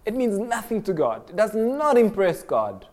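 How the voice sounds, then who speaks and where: A man's voice: sits high, very animated, moderate pace. A young man from Kenya preaching a sermon earnestly, often repeating phrases for emphasis. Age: young adult.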